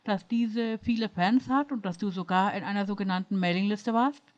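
A woman's voice: medium pitch, normal speed, close to an everyday voice. A woman voicing a stern, scolding male starship captain in a read-aloud story, with a dull lo-fi sound. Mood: grave. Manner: scolding, lecturing.

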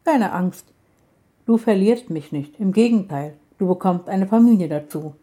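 Woman reading a caring male storybook dragon, calm and soft, mellow voice. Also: mid-range voice, moderate pace, lightly acted. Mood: reassuring. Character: gentle protective male dragon.

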